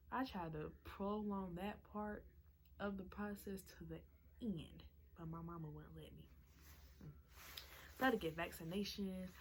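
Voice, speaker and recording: A woman around twenty telling a storytime vlog in a chatty, excitable way, full of "like" and "y'all". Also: medium pitch, slight background noise, rough recording. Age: 20s. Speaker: vlogger.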